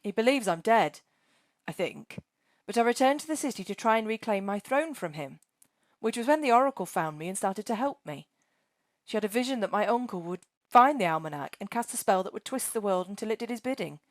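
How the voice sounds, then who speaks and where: A skinny, scared young boy, as a woman reading a storybook puts him on, talking in a high, earnest and jittery voice. His words rise and fall with lively swings. The sound is dry and close. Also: fairly quick, no echo, lightly acted. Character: scrawny, frightened young boy, a lost heir.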